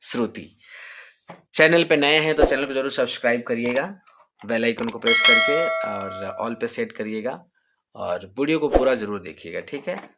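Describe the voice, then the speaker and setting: A man teaches music theory with a harmonium beside him, in a voice of ordinary middle pitch. He explains slowly and patiently, repeating each point and checking that the listener follows. The harmonium can be heard in the background. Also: heavy background noise. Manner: sings sargam syllables louder as examples. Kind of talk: harmonium tutorial.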